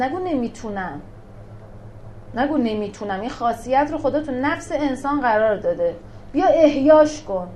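A religious teacher with a fairly high voice leads a small class, speaking emphatically as she asks her listeners questions and then supplies the answers. The audio is poor, and a faint noise sits beneath it.

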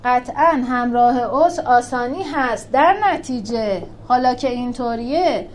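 A woman teaching a religious class on scripture verses. She talks in a lively way, asks rhetorical questions and answers them herself, and recites verses slowly. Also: on the high side. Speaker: teacher of a Quran class for women. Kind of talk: religious lesson explaining scripture.

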